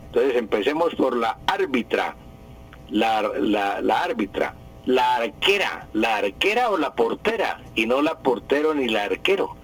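Husky language professor on radio. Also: male voice, medium pitch, sing-song, a little slow, fairly bright tone, poor audio. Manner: didactic, corrects usage, repeats words for emphasis. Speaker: language expert guest. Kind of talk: radio call-in explanation.

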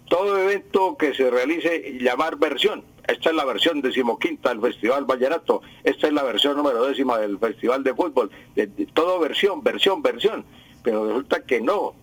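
An older man explains points of usage like a patient teacher, going over the key words again and again. His voice is husky, and the studio sound is dry and close. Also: medium pitch, no echo, rough recording. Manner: didactic, repeats key words. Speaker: language expert answering listener questions. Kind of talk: radio call-in explanation.

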